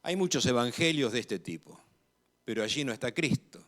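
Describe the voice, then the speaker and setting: This animated, medium-pitched man preaches with an Argentine accent, keeping a measured, emphatic delivery. On key phrases his voice builds in volume.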